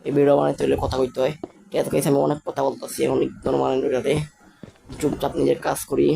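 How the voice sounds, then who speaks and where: A young man, still a school student, commenting casually on his Minecraft build in a halting, stammering way, speaking slowly on purpose. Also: mid-range voice, monotone, vocal fry, dark tone, slight background noise. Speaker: gaming channel host.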